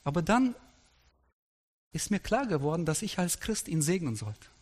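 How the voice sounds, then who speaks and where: A middle-aged male pastor preaching a sermon, telling stories with quoted dialogue in a lively anecdotal way. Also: fairly high pitch, normal speed. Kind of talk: sermon storytelling. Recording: long hall reverb.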